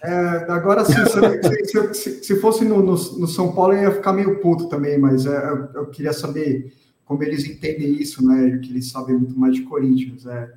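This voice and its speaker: A man's voice: on the high side, fairly even intonation, moderate pace, a little mellow, echoey room, slight background noise. A man on a football podcast panel asking his co-hosts a question, hesitant and full of restarts. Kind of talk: casual football debate.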